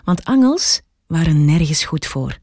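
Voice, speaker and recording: A woman reading a children's story aloud in a calm, unhurried manner. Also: deep voice, no room sound, studio quality.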